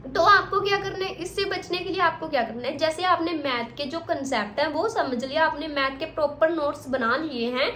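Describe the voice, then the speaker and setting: High-voiced woman giving blunt study advice. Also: fairly quick, few pauses, pushed and bright, a little hiss or hum. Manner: direct, scolding, repeats points. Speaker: exam coach. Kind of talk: motivational study advice to students. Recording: echoey room with faint ambience.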